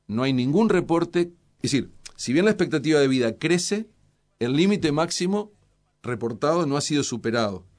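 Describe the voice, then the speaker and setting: A middle-aged man with a Uruguayan accent, answering interview questions as a scientist in a measured, explanatory way with frequent hesitations. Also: a little high, lively intonation, a little mellow. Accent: Uruguayan Spanish. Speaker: scientist guest.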